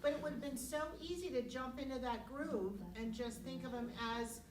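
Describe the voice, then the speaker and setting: Echoey noisy recording, woman w/ high voice chatting out a story from off mic. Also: moderate pace. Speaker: outpatient care coordinator, audience participant. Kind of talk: casual anecdote at a live talk. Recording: distant, echoey room, noisy.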